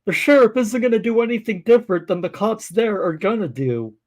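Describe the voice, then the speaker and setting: A man reacting to police videos on a live stream, making relaxed, wry remarks to his chat. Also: high-pitched, fairly quick. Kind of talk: casual live commentary.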